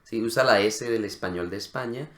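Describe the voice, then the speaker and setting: A man's voice: on the low side, a little fast, fairly bright tone, reverberant. A man co-hosting a casual Spanish lesson, explaining accents and demonstrating sounds. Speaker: Spanish teacher co-host.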